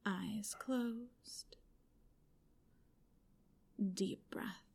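A woman in a whispered ASMR roleplay, giving soft, commanding instructions in an intimate hush. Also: medium pitch, fairly even intonation, extremely slow, gravelly, slightly rough. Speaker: roleplay narrator.

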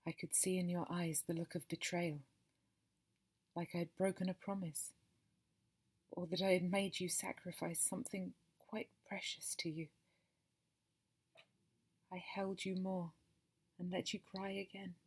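Woman, breathy low voice, slow intimate monologue with whispered stretches, tender and possessive. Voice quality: breathy and soft. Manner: tender, possessive, speaks to the listener as baby. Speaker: narrator of an intimate audio story.

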